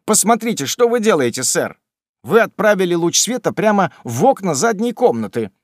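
A man voicing a brisk, blunt, loyal manservant who talks loudly and urgently. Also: a little high, big pitch swings, no echo, studio quality, pitched above the performer's own voice. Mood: scolding.

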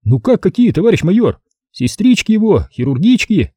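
Sly flirtatious army captain, put on by a male reader, cheeky and wheedling, lively, mellow tone. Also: sits high, normal speed, no room sound, voice pushed up. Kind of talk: audiobook character voice.

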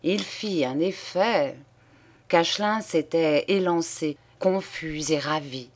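A woman narrating a classic short story in a measured, deliberate literary reading. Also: deep voice. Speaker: audiobook narrator.

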